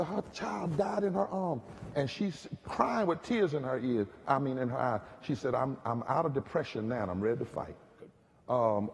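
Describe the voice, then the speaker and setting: A man's voice: fairly high pitch, creaky, darkish tone. A man, an activist preacher, telling stories with a preacherly cadence in a public conversation. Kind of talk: impassioned storytelling in a public conversation. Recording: long reverb of a large hall.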